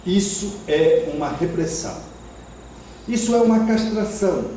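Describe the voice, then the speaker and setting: A Brazilian man giving a spiritist lecture in a hall, expressive and acting out the voices of parents and children. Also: high voice, unhurried, slight background noise. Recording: echoey hall from far off.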